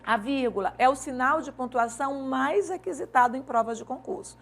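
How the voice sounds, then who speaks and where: A woman teacher explains grammar in an online exam-prep lesson. Her voice sits a little high and carries a gravelly rasp. She works through the points step by step and keeps checking in with the viewer. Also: fairly quick. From Maranhão, Brazil. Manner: explanatory, uses rhetorical questions and checks like "certo?". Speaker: Portuguese language teacher.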